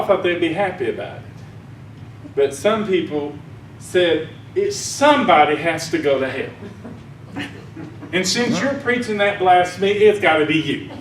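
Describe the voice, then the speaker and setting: This conference speaker, an Arkansas man with a Southern accent, has a fairly high, expressive voice at a normal speed. His folksy sermon talk rambles, and he laughs at his own jokes. The recording is echoey and distant-miked in a conference hall, with slight hiss or hum.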